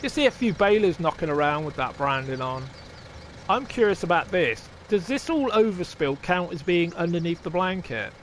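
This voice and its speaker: In a high-pitched, sing-song voice at normal speed, a man live-streams a farming game, musing aloud, chatting with his audience and swearing in passing. Slight background noise is audible.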